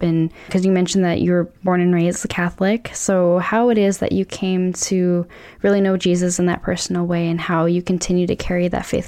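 A woman's voice: lowish voice, a little mellow, clear, resonant tone. A woman hosting a podcast, reading a scripted intro and then interviewing her guest in an encouraging way. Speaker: podcast host.

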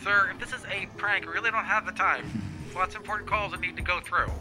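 A man's voice: high-pitched, steady tone, quick pace, sharp tone, faint music behind, voice pushed up. A man voicing a polite but impatient male operator answering a payphone call.

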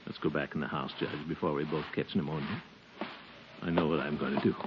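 An American actor playing a big-hearted, sentimental middle-aged uncle in an earnest, theatrical 1940s radio style. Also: male voice, extremely low pitch, fairly even intonation, a little fast. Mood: subdued, tender. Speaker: lead actor in a radio comedy. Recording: muffled, noisy 1940s radio recording.

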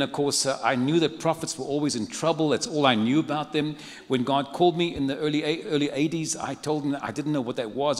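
A man's voice: medium pitch, in a large hall. An older man from Africa, preaching a sermon in a humorous, conversational way. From South Africa. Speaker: pastor.

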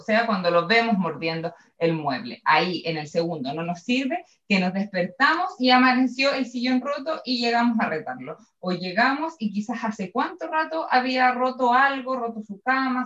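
Chilean woman, dog trainer, higher voice, explains with acted examples; echoey room, dull lo-fi sound. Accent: Chilean Spanish. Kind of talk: explanatory podcast talk.

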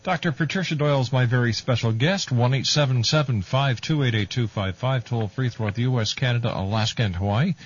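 A man hosting a radio talk show, announcing a break with a husky voice. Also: mid-range voice, a little fast, few pauses. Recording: dull radio sound.

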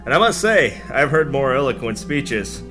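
A man playing a hard-boiled male space detective, narrating in a gruff noir style. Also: medium pitch, sing-song, moderate pace, over music, close to an everyday voice. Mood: cocky. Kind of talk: radio-drama parody.

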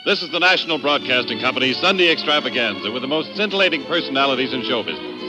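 Animated old radio announcer man over music. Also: medium pitch, racing, rough recording. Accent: American. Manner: grand, promotional delivery. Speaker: show announcer.

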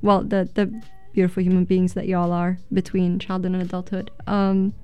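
A woman's voice: fairly low pitch, flat delivery, moderate pace, clean tone, dull audio, faint music behind. A woman from Egypt on a radio talk show, telling reflective stories with many fillers. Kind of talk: casual radio chat.

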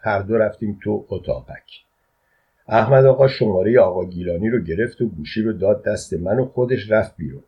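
A male audiobook narrator reads a story in a calm, conversational way. His voice is low and somewhat husky. The recording is dull and lo-fi.

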